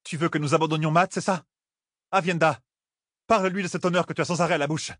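A man voicing a stubborn, rash young woman who challenges the others in a quick, pushy way. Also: a little high, steady tone, a bit bright, no echo, studio quality, pitched above the performer's own voice. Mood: defiant.

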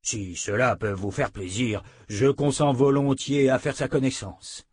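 A man's voice: medium pitch, steady tone, unhurried, a little mellow, breathy edge, no echo. A man voicing a powerful, pious official who speaks with unctuous, solemn courtesy.

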